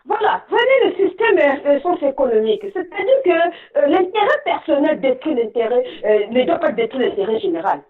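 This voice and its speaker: A woman from the Republic of the Congo calling in to a radio show, speaking with indignation, often pausing on fillers and rising to near-shouting. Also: high voice, very animated, reverberant. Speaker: caller. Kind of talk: impassioned call-in commentary. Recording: tinny distant phone line.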